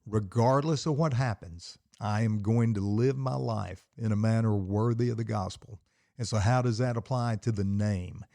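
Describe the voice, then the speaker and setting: Man, middle-aged, mellow dark tone, dry close sound, emphatic sermon-like podcast talk. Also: lowish voice, moderate pace, creaky, no echo. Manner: fired-up, emphatic, preacherly repetition. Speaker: podcast host and pastor. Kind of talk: solo podcast with preaching. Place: home basement.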